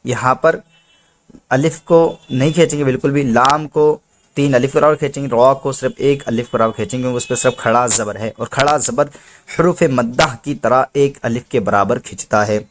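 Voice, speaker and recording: A man teaches Quran reading in a calm, patient, explanatory way, walking through each rule step by step. His voice sits at an everyday middle pitch, and he stretches the letter names long when he recites them. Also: normal speed, a little hiss or hum.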